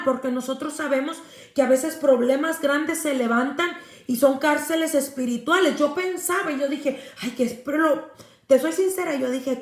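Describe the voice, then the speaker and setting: A woman pastor giving an earnest personal faith testimony, speaking directly to her listener. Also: sits high. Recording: roomy echo.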